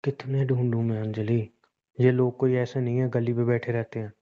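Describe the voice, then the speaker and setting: A man's voice: mid-range voice, little pitch movement, normal speed, narrow, tinny audio, lightly acted. A man playing a stressed young husband who insists and reassures, sometimes flustered, in a scripted audio drama. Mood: insistent. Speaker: husband in a phone-call drama.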